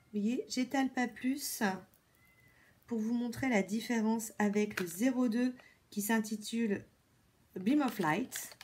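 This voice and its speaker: A woman vlogger chatting casually through a makeup product review, repeating words often and filling pauses with many fillers. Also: on the high side, a little mellow, slight background noise. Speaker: beauty vlogger.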